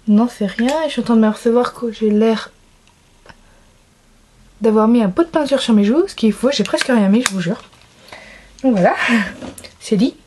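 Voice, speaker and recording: A woman vlogger chatting casually to camera at home about a makeup haul, gushing about products and often pausing with hesitant fillers. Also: mid-range voice, dark tone, husky. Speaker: beauty vlogger.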